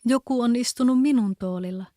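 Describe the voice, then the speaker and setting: A woman with a Kven accent voicing a soft-spoken mother bear in a storybook. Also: fairly high pitch, no echo, clean studio sound, voice pushed up, close to an everyday voice. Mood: puzzled. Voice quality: softer voice.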